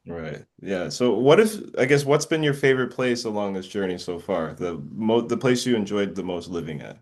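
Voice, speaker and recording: A man's voice: fairly low pitch, lively intonation, normal speed. A man hosting a podcast, introducing and questioning his guest in an enthusiastic, casual way. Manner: enthusiastic, warm interjections. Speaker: podcast host.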